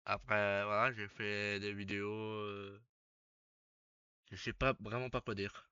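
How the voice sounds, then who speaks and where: A young man talks loosely on his live stream, cursing and laughing out loud as he reacts. His voice sits low and close to the mic, but the stream audio is dull and lo-fi. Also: flat delivery, takes it slowly, smooth, dry recording. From Belgium. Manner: casual, swearing, loud bursts of laughter.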